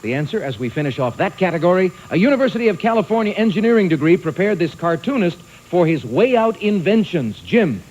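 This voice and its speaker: A game show host with a high, bright-pitched voice that swoops up and down as he reads clues. He is brisk and businesslike, with a teasing edge toward the players. A faint hiss sits under his voice. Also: sing-song, lo-fi sound. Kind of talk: quiz show hosting, reading clues.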